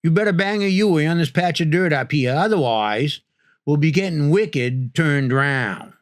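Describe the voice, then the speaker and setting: A man's voice: on the high side, animated, a little slow, dry recording, studio quality. A man putting on a folksy rural Yankee local with a Maine and New Hampshire accent, drawling and slangy as he demonstrates how people talk up there. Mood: scolding.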